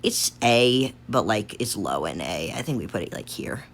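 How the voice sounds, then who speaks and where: A woman's voice: very deep voice, big pitch swings, moderate pace, husky. A woman giving casual tier-list commentary on a card game, thinking aloud and rambling with fillers and restarts. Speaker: gaming video creator.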